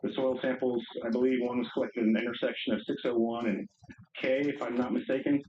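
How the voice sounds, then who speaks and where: A man's voice: medium pitch, little pitch movement, fast. A man comes through a speakerphone into the room, his voice roomy and muffled. He walks through test results carefully from memory. A faint hiss sits under the call. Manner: careful, recalls details from memory. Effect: heard over a conference speakerphone. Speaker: consultant reporting test results. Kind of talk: meeting call. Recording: echoey, dull, faint hiss over speakerphone.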